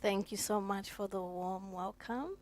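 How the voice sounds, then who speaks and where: A woman's voice: medium pitch, a little slow, slight background noise. A woman from Zimbabwe, a guest artist, answering interview questions conversationally with many filler phrases. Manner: conversational, with frequent you know fillers.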